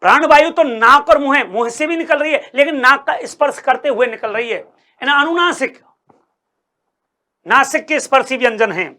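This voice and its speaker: A man's voice: very high-pitched, bright, forceful tone. A man teaching a Hindi grammar lesson at a coaching class, sounding out letters one by one and repeating key phrases as he quizzes his students. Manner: sounds out letters slowly to demonstrate; addresses students as sir and brother.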